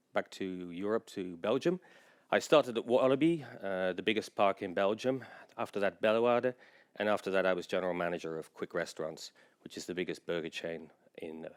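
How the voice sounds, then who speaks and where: A man delivers a conference presentation in a low, smooth, resonant voice. He speaks in a measured, informative way. His sentences are broken up by frequent filler pauses. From England. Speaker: general manager giving a presentation.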